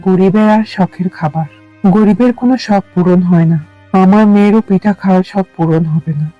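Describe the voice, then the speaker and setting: A man's voice: sits high, fairly quick, no room sound, muffled recording, soft background music, close to an everyday voice. An actor playing a weary poor village father.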